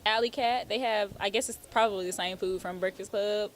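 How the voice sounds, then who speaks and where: In a casual interview, a guest from Houston, Texas who is an attorney and author talks a little fast in a mid-range voice with fairly even intonation. She's chatty and uses lots of fillers like "um" and "like," with slight background noise behind her.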